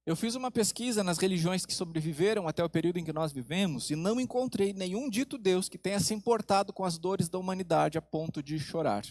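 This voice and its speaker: Male pastor, high-pitched, dry close-miked delivery; dramatic pauses, soft low emphasis, rhetorical questions. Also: no echo. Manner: asks the congregation questions. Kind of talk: sermon.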